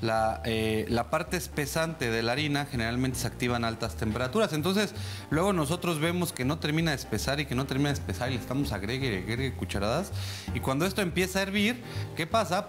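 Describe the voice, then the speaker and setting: A man talks viewers through a recipe at a steady mid pitch, checking in with them often. He speaks on a lapel mic in a studio kitchen. Music plays clearly behind him. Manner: explanatory, addresses viewers directly with frequent "¿vale?". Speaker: TV cooking show chef. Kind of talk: cooking demonstration.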